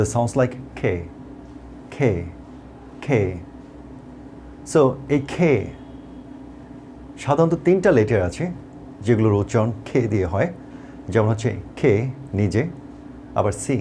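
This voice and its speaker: A man teacher with a Bangladeshi accent and a warm, mellow voice, guiding a pronunciation lesson. His pitch rises and falls a lot as he explains and slowly repeats example words and sounds. Faint background noise runs under the recording. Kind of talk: tutorial lesson.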